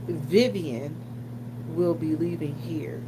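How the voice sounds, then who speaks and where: Speaking slowly in a low voice, a Washington, D.C. vlogger who works at a gas station chats through stories for her audience. She's animated and colloquial and mimics what others said, with a loud hum droning in the noisy room behind her.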